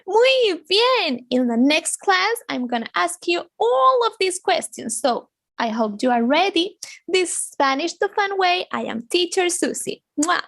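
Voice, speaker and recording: Animated, high-voiced woman teaching. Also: vocal fry, dry recording, studio quality. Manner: animated, exaggerated, slow repetitions with sound effects. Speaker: Spanish teacher. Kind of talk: children's language lesson.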